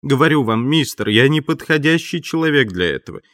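A man's voice: mid-range voice, lively intonation, fairly quick, a bit bright, pitched above the performer's own voice, close to an everyday voice. Man putting on a whiny, pleading tramp. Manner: plaintive, near tears.

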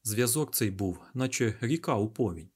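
A man reading a fantasy audiobook in a steady, deliberate storytelling manner with dramatic pauses. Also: fairly low pitch, breathy edge. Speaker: audiobook narrator.

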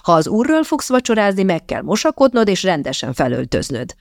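A woman's voice: medium pitch, very animated, creaky, no room sound, studio quality, voice pushed up. A woman voicing a stern older aunt who keeps house, scolding and giving firm commands.

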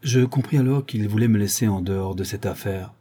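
A man narrates an audiobook at a steady, measured pace. His voice sits low and dark, with a husky grain in it. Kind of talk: scripted narration.

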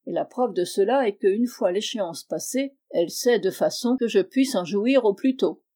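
A woman's voice: medium pitch, lively intonation, normal speed, dark tone, natural voice. A woman reading the lines of a cunning male sorcerer who sermonizes in a lofty, wordy manner, in an audiobook of a classic tale. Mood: scheming.

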